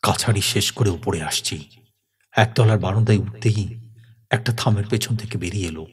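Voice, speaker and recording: A man's voice: fairly low pitch, normal speed, breathy edge. A man voicing a grave, shaken elder landowner. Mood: insistent.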